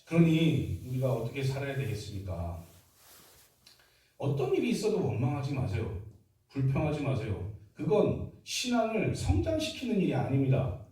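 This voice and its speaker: A man's voice: medium pitch, huge pitch swings, normal speed, mellow. A man preaching a sermon as pastor in a church, emphatic and firing rhetorical questions at the congregation. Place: church sanctuary. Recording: echoey hall from far off.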